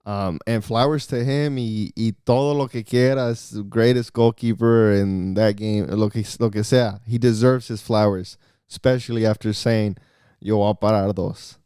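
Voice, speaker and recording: A man with a low, mellow voice and a smooth, clear tone talks soccer in a relaxed way, mixing English and Spanish. His voice sounds dry and close. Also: moderate pace, no echo. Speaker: podcast co-host. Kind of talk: casual sports chat.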